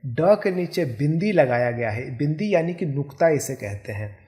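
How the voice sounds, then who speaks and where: A man's voice: fairly high pitch, expressive, normal speed, a little mellow. A man teaching a Hindi grammar lesson, patiently spelling out sounds and example words one at a time.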